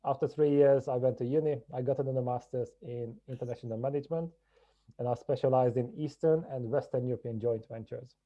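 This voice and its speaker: A man from Hungary, a podcast guest telling his story in a measured, reflective way. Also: medium pitch, fairly even intonation, warm tone, highs cut off. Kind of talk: podcast interview.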